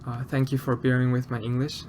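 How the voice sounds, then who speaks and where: Sculpting on a live stream, this Austrian man answers chat in a casual, soft-spoken way, stumbling through fillers and restarts in his Austrian German accent. His mid-range voice is monotone and fairly quick, with slight background noise.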